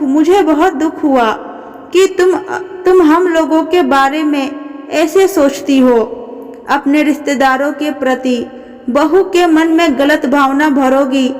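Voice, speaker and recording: A woman voicing an elderly aunt-in-law who speaks in a measured, admonishing way. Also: sits high, a little mellow. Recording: long reverb.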